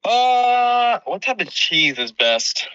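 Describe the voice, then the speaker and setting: A man's voice: extremely high pitch, big pitch swings, slow pace, sharp tone, clean tone, no echo. A young man calling in to a podcast, heard over a phone speaker, chatting casually and laid-back with lots of slang. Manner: laid-back, slangy, says "dude" a lot. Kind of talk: casual chat. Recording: dull lo-fi phone speaker sound.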